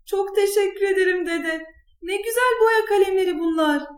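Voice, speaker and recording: A woman voicing a young girl who has just become a big sister, in an eager, pitched-up childlike voice. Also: expressive, moderate pace, fairly bright tone. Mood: delighted. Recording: echoey room.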